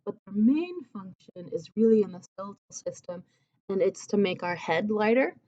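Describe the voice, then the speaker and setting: A woman's voice: mid-range voice, expressive, normal speed, mellow. A woman giving a recorded anatomy lecture, explaining casually with lots of "um" and "like". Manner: casual, chatty explaining with fillers like "um" and "like". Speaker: anatomy teacher. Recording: slightly dull lo-fi audio.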